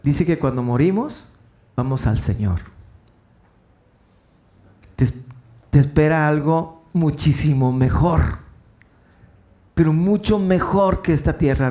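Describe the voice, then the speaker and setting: Animated high-voiced pastor preaching. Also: male voice. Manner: animated storytelling, acting out quoted voices with big pitch swings. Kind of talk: sermon.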